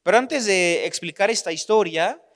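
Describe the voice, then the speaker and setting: A man with a Mexican Spanish accent preaching a sermon, telling the story in an animated way and acting out the dialogue. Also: high voice, moderate pace. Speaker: pastor. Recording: long hall reverb.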